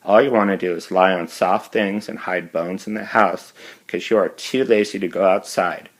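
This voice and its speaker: A man's voice: low voice, fairly even intonation, normal speed. A man voicing a moody, dramatic young teenage girl in a storybook read-aloud, with plaintive, wailing pleas. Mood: scolding.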